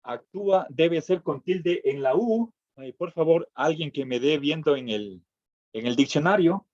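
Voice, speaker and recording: A man teaching a philosophy class, pausing to check in with his students and restarting phrases as he goes. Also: a little high, expressive, a little mellow, no echo. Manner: checks in with frequent "¿sí?", halting restarts. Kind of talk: classroom lecture. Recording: dull lo-fi dry recording.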